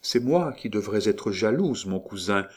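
A man's voice: lowish voice, expressive, measured pace, darkish tone, slightly rough. A man reading an audiobook, voicing a playful, teasing young noblewoman in a light, raised voice.

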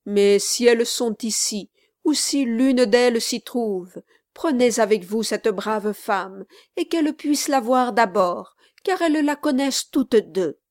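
An agitated gentleman hunting for a lost child, as a woman reader puts him on, pushing his words out loud and urgent in a slow, measured delivery. The audiobook voice sits fairly high and close, with a dry, dead recording. He pleads and demands in turn. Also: lively intonation, no room sound. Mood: earnest pleading. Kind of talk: audiobook character reading.

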